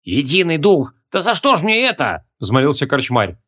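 A man's voice: on the high side, wildly swooping pitch, normal speed, sharp tone, full character voice. Man doing a fretful old rustic innkeeper. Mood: fearful pleading. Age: 60s. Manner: rustic folksy speech, fretful whining. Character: old grumbling rustic male innkeeper, fearful.

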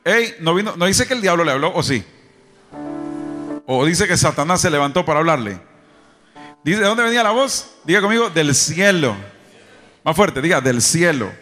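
A man's voice: high-pitched, lively intonation, a little fast, pauses often, pushed and bright. Fervent preacher man in a hall. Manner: rhetorical questions and call-and-response with the congregation. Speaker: pastor. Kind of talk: sermon. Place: church service. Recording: long reverb, faint music behind.

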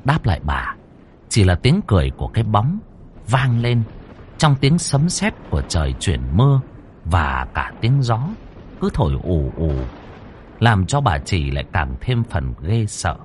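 A man reading a ghost story in a dramatic, expressive way. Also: lowish voice, unhurried, slight background noise. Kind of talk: scripted ghost story narration.

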